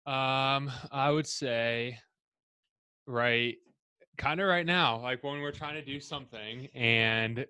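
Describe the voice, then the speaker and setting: Laid-back man, mid-pitched voice. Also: takes it slowly, pushed and bright, clear, resonant tone, no room sound. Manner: laid-back, short easygoing answers. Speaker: podcast guest. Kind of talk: casual podcast chat.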